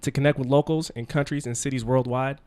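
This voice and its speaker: A man's voice: medium pitch, fairly even intonation, fast, a little mellow, clean tone. A man hosting a casual podcast, introducing his guest with hype and plenty of filler words. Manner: hyped, friendly, filler-heavy slang. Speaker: podcast host.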